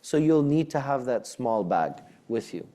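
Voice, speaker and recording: An imam addresses his congregation in a direct, conversational way. His voice is warm and mellow, pitched in an ordinary middle range, and he repeats key words to stress them. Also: big pitch swings, a little slow. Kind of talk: practical advice talk to a congregation.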